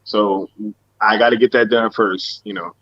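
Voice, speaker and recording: A man's voice: on the low side, fairly even intonation, unhurried, dry recording. A man hosting a casual live stream chat, talking in a laid-back, slangy way full of fillers. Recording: dull lo-fi stream audio.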